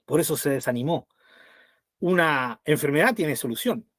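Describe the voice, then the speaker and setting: A man leading a conversational Bible study, animated, retelling scenes and checking in with his listeners as he goes. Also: a little high, normal speed, no echo, studio quality.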